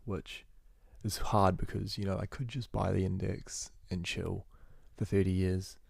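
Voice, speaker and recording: A young man, a university student, rambling through a casual spoken journal into his phone, talking fast and correcting himself as he goes. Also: deep voice, flat delivery, vocal fry, a little mellow, husky, no room sound, clean studio sound. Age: young adult. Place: indoors at home. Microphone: phone recording.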